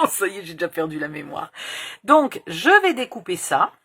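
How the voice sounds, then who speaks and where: A crafting tutorial host in her fifties speaks in a fairly low, fairly bright, sing-song voice with a breathy edge, keeping a measured pace. Chatting casually as she crafts, she rambles through a story with casual swearing.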